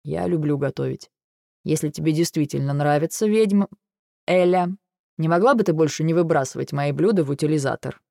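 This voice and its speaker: A man voicing a gravelly, weary dragon. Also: fairly high pitch, a little fast, darkish tone, dry recording, clean studio sound. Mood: dry. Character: weary, dry-witted male dragon servant. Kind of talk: audiobook dialogue reading.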